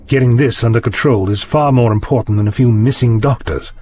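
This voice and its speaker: A man's voice: mid-range voice, brisk, darkish tone, faint music behind, natural voice. A man playing an eccentric, curious time-travelling doctor in an audio drama, polite but dismissive, with a musing theatrical delivery. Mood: intent, investigative. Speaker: lead actor in an audio drama.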